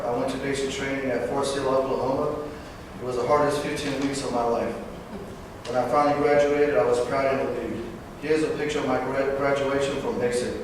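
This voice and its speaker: A veteran in his twenties from Northern California reads a personal speech to an audience, his voice at medium pitch. He halts at times with fillers and self-corrections, and the recording is distant and echoey, from a hall with background noise.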